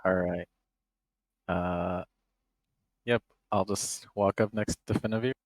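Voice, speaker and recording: A man's voice: low-pitched, fairly even intonation, takes it slowly, no echo. A man chatting casually as a player in a tabletop game, wry and prone to swearing.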